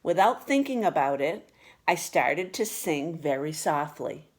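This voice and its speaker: This woman's slightly low voice tells a children's story slowly and deliberately. She reads with plenty of expression, like a storyteller sharing a picture book.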